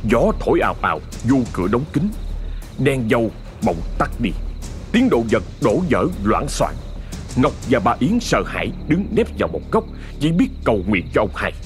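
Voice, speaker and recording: A man narrating a horror story in a dramatic, expressive scripted reading. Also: mid-range voice, normal speed, soft background music.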